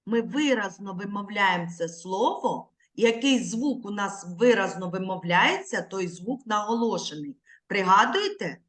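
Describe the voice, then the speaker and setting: A woman teacher giving an online literacy lesson to young children over a video call, speaking slowly and clearly, drawing words out syllable by syllable and patiently prompting her pupils. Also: medium pitch, a bit bright. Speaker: primary school teacher.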